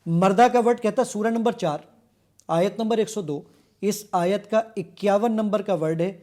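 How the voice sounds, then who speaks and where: Eager high-voiced Pakistani man demonstrating. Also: dark tone. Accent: Pakistani Urdu. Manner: eager, explanatory, walking through features step by step. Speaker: app developer and guest. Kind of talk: product demonstration on a TV show. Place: television studio set.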